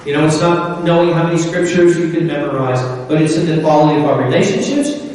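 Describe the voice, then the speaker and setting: Conversational preacher in an echoing hall. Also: male voice, fairly high pitch, fast talker, darkish tone. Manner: conversational, repetitive, folksy. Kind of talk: sermon. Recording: echoey hall from far off.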